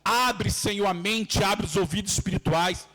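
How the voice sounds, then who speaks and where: A man's voice: sits high, normal speed, sharp tone. A man with a Brazilian Portuguese accent, a pastor preaching and praying fervently in a preaching cadence. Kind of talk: sermon and fervent prayer.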